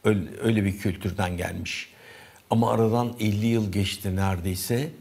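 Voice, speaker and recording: A man hosting a morning news show, reading newspaper headlines aloud and commenting casually, with frequent pauses and fillers. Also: on the low side, fairly even intonation, gravelly, a little mellow, slightly rough. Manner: conversational, reads headlines aloud with hesitant fillers. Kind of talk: press review commentary.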